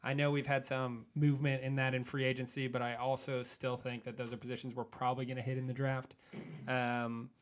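A man's voice: medium pitch, little pitch movement, a little fast. Upbeat man hosting a sports podcast. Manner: teasing, upbeat, leads the segment. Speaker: podcast host. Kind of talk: casual sports chat.

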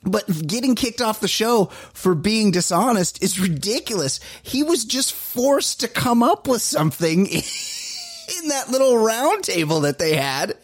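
A man's voice: high voice, huge pitch swings, unhurried, slightly rough, dry recording. A man co-hosting a podcast, talking loosely and chattily, with lots of "like". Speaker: podcast co-host. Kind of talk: casual chat.

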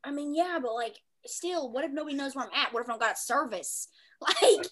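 A woman's voice: high-pitched, lively intonation, a little fast, a loud crowd. A woman with a Southern US accent hosting a casual chat, talking emphatically and freely. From American South. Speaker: host.

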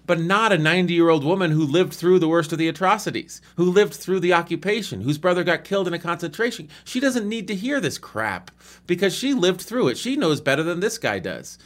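A man in casual conversation about a film he watched, telling it in a lively way and acting out what people said. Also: high voice, fairly quick, hardly any pauses. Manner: animated, acts out quoted people. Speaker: co-host discussing a film. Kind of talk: casual chat.

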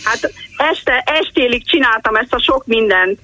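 Bright-voiced older woman rambling on a call. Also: a little high, expressive, rough recording. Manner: rambling, digressive storytelling with many restarts. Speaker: caller, retired teacher. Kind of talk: call-in radio chat.

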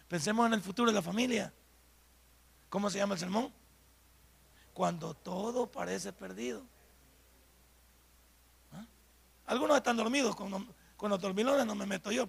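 Salvadoran pastor preaching, high gravelly voice, throws questions at the church, gets loud. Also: male voice, normal speed, long pauses, big-room sound. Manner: fervent, rising to shouts, rhetorical questions to the congregation. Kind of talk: sermon.

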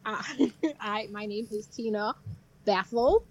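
A woman's voice: mid-range voice, takes it slowly, a little mellow, rough recording. A Bahamian woman in her thirties, a family medicine resident, speaking politely as a podcast guest. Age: 30s. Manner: polite and proper, laughs easily. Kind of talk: casual interview.

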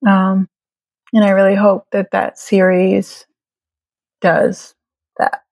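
A woman in her late twenties from Trinidad, a guest in a casual conversation, chatty and quick to laugh. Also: mid-range voice, monotone, vocal fry, darkish tone, no room sound. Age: late 20s. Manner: laughs often, chatty with fillers. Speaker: guest photographer.

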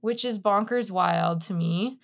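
A woman's voice: mid-range voice, unhurried, creaky, slight background noise. Chatty woman in her thirties, podcast co-host. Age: 30s. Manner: chatty, rambling, informal. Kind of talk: casual chat, introducing a guest.

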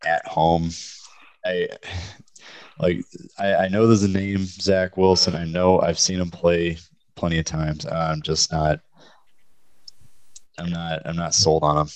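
A man's voice: low voice, level tone, takes it slowly, pauses often, no room sound. A man co-hosting a casual sports podcast, blunt and opinionated.

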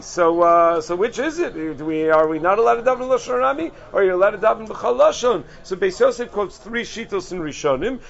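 A man giving a casual halachic lesson on a podcast, explaining in a chatty way with frequent pauses and restarts. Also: sits high, lo-fi sound. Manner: explains conversationally with frequent "uh" and restarts, mixing Hebrew terms.

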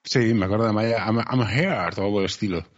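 A man's voice: lowish voice, fairly quick. A man hosting a casual interview, chatting informally and often repeating words as he goes. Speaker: podcast host. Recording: dull sound with faint noise.

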